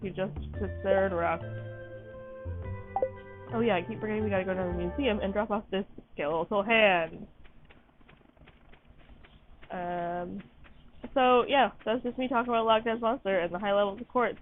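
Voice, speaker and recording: A woman's voice: medium pitch, moderate pace, long pauses. A tired woman chats her way through a casual game playthrough, rambling and apologizing as she goes. Her voice comes through thin and phone-like, with faint background music. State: tired, yawning. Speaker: gaming channel host. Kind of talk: casual let's-play commentary.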